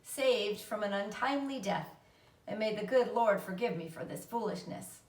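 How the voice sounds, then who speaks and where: A woman voicing a patient, firm farmer father in a storybook, measured and dryly wry. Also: medium pitch, lively intonation, natural voice. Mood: resigned. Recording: roomy echo, distant mic.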